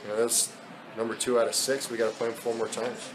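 A man's voice: medium pitch, level tone, fast talker, noisy background. A man in his thirties, a basketball head coach, talking candidly with many fillers in a postgame press interview. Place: indoor press backdrop at an arena.

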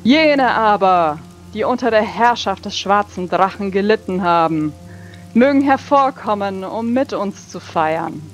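A woman's voice: mid-range voice, lively intonation, unhurried, natural voice. A woman playing a grand priestess in a tabletop game, declaiming a prayer like a hammy stage actor. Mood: solemn, exultant. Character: theatrical priestess praying grandly to a joy goddess. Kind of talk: dramatic prayer in tabletop role-play. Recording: dull lo-fi mic over background music.

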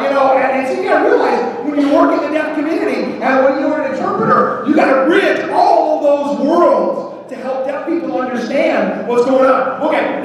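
A man, a pastor from the United States, giving a lively storytelling talk to an audience, repeating words and quizzing his listeners. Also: very high voice. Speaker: pastor giving a ministry presentation. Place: large echoey hall. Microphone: distant from the microphone. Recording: echoey hall from far off.

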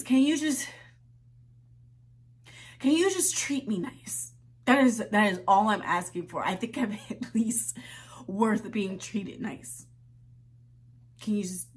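A young woman performing a dramatic monologue as a hurt, exasperated daughter who cares for her mother, speaking in a halting, pleading, volatile way. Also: mid-range voice, a bit bright, close to an everyday voice. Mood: quiet pleading. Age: young adult. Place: indoors, small room with plain backdrop.

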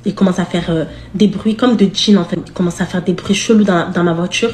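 Young woman, animated confiding storyteller, roomy echo, faint noise behind. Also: fairly low pitch, fairly quick. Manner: animated, confiding, addresses listeners as girls. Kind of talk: telling a personal scary story.

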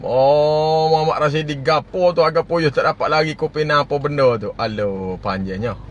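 High-voiced man live-streaming. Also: moderate pace, muffled recording, slight background noise. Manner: greets viewers by name, chuckles often. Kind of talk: casual live-stream chat reading viewer comments.

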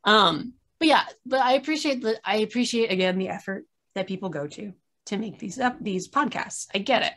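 A tired woman chatting casually over a video call, giving a candid critique and laughing often as she complains. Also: mid-range voice. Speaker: podcast reviewer.

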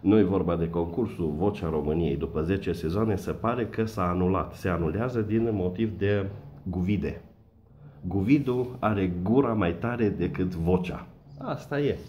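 A man's voice: low voice, warm tone, a little hiss or hum. A man delivering a satirical comedy monologue, mocking and sarcastic, full of puns. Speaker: satirical commentator.

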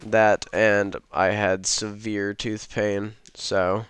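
Man, low voice, sick gargling gravel, drowsy, blunt bantering, casual game streamer. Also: little pitch movement, very slow, fairly bright tone, slight background noise. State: drowsy from pain medication. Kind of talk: casual gameplay chat.

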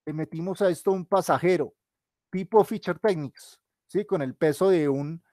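Working through a shared whiteboard in an online class, a weary male teacher thinks out loud and fixes his own mistakes. His voice sits on the high side and is a little mellow, at a moderate pace, captured in studio quality without echo.

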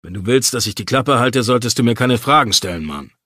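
A man's voice: medium pitch, expressive, brisk, sharp tone, dry recording, studio quality. A man voicing a cheeky, crude young man who mocks his friend in an audiobook. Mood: teasing. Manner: mocking, cheeky.

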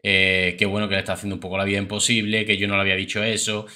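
A man's voice: fairly low pitch, monotone, rapid-fire, sharp tone. A man giving chatty, opinionated commentary on reality TV clips as host.

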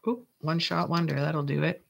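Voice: mid-range voice, moderate pace, gravelly, slightly rough. A crafting channel host from Canada, narrating casually and playfully while working, often talking to themselves. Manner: chatty, talks to self while working; playful, jokey.

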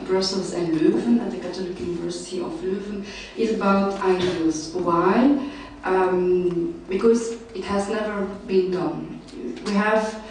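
Seated at a panel table in a big lecture hall, a young woman from Belgium gives an academic talk on her research at a summer school, filling it with fillers and restarts. Her voice is medium in pitch with a darkish tone. Captured through a table mic by a distant camera, she sounds far off amid heavy echo and slight background noise.

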